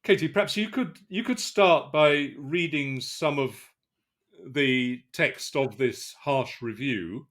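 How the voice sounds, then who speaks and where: A man co-hosting a podcast in casual chat, talking haltingly with many fillers and restarts. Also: mid-range voice, a bit bright. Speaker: podcast co-host.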